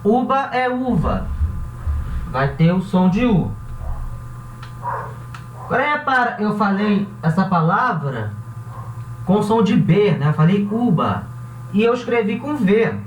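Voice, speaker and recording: A male teacher works through a lesson slowly and patiently, repeating each word and checking in with the class. He sounds some way off from the microphone in a roomy space. The sound is dull, with a faint hiss beneath it. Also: high voice, sing-song, far from the mic. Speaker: Spanish teacher.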